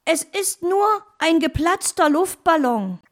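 A woman's voice: very high-pitched, lively intonation, slow, pitched above the performer's own voice, heavily acted. A woman voicing a friendly cat in a children's audio story who soothes others and adds meows. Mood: reassuring. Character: friendly young cat who says meow.

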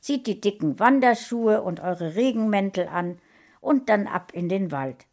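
A woman's voice: medium pitch, animated, measured pace, darkish tone. Woman doing a firm, practical mother. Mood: firm calm.

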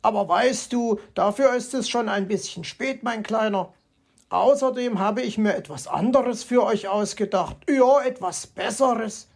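A woman reading a children's audiobook, voicing a grumpy, vain male fox who grumbles and flares up quickly. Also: a little high, a little mellow. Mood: grumbling. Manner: grumbling, easily outraged.

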